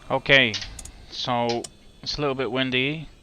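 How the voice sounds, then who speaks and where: A man's voice: mid-range voice, flat delivery, a little slow, background noise. A man giving casual, chatty commentary as he sets up a flight in a simulator, thinking aloud as he goes. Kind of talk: casual commentary while gaming.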